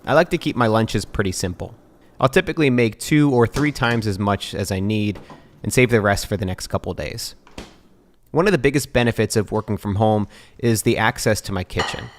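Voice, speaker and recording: A man in his thirties narrating his daily routine in a calm, measured, scripted voice-over. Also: lowish voice, a little hiss or hum. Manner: calm, measured, even-toned. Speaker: vlogger and podcaster.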